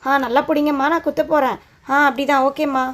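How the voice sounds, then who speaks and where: A woman's voice: high voice, fairly even intonation, brisk, heavy background noise, lightly acted. A woman voicing a patient adult nurse doll who soothes and coaxes a frightened child in a doll show. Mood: coaxing. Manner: soothing, coaxing, explaining step by step.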